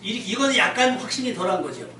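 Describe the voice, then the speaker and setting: A man's voice: sits high, very animated, quick pace, bright, forceful tone. A male pastor giving a joking, conversational sermon and leading call-and-response with his congregation. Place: church sanctuary. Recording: echoey church from far off, with noise.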